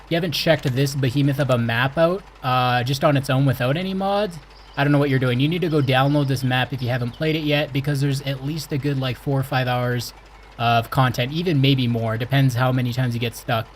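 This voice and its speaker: A young man from Canada hosting his gaming channel, chatting excitedly and exclaiming as he plays. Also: medium pitch, a little fast, slight background noise. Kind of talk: casual game commentary.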